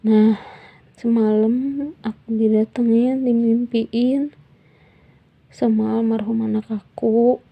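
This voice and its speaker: Soft-spoken woman with a husky voice. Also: fairly high pitch, little pitch movement, lo-fi sound. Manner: soft, halting, often near a whisper. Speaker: vlogger. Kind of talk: personal storytelling.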